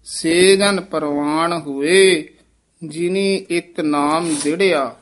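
A man's voice: a little high, steady tone. Man patiently teaching recitation. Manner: measured, corrective, repeats lines with pause marks. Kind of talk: pronunciation instruction.

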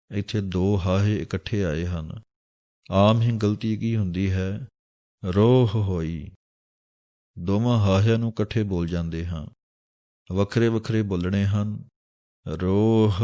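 A man teaching how to recite scripture, chanting each verse line slowly and then explaining how to pronounce it. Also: low voice, dark tone. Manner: slow chanted reading of verse lines between spoken explanations. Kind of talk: recitation lesson with pronunciation notes.

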